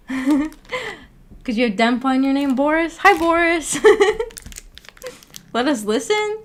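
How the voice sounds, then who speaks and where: A woman with a high, expressive voice speaks slowly while hosting a livestream. She chats casually about a visual novel, musing, hesitating and giggling as she goes.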